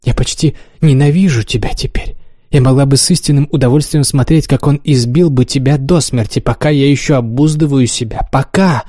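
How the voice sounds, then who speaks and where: A man's voice: mid-range voice, brisk, mellow, dry recording, studio quality, lightly acted. A man voicing an imperious, cruel young noblewoman who mocks and commands coldly in an audiobook reading. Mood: threatening. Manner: taunting, haughty, coolly commanding.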